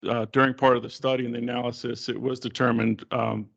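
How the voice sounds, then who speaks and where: A man's voice: mid-range voice, little pitch movement, fast talker, gravelly, dull audio. A man presenting as a developer at a public meeting, hesitant and repeating words.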